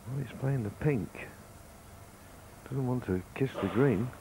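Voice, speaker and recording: A man giving live snooker commentary in a measured, understated way, with pauses between short remarks. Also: medium pitch, creaky, noisy background.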